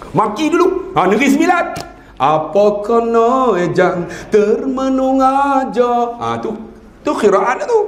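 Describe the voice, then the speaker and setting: Male preacher in his 50s, northern Malaysian Malay accent, high voice, playful, keeps asking the crowd, echoey hall. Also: slight background noise. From northern Peninsular Malaysia. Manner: jokey, quizzes the audience, mimics regional dialects. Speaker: religious lecturer. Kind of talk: humorous religious talk.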